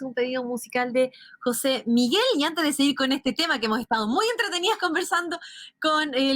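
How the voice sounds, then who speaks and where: A Chilean woman hosting a radio show, telling anecdotes in a lively, casual way. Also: high voice, dry recording, studio quality. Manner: lively storyteller, animated retelling. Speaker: radio host.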